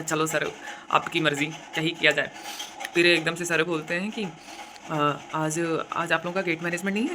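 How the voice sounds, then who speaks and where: A young woman from India chatting casually in a vlog, telling stories, with a sore throat and a cough now and then. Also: fairly low pitch. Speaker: vlogger.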